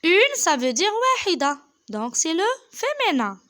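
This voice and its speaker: A woman's voice: very high-pitched, sing-song, moderate pace, fairly bright tone. A woman teaching children French, patient and repeating each point, switching between French and Arabic. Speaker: primary school French teacher. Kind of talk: children's French lesson explained in Algerian Arabic.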